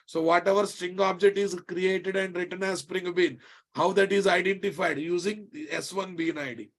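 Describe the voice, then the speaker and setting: A man's voice: sits high, fairly even intonation, normal speed. A man with a Telugu Indian accent teaching a live technical class, emphatically repeating phrases and often checking that students follow. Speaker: programming instructor.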